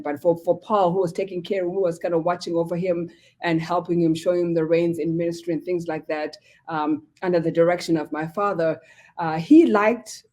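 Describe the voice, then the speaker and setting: A woman in her forties, originally from Zimbabwe, a pastor telling her story as a guest with many fillers. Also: fairly low pitch. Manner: warm storytelling with frequent fillers. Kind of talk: casual interview talk.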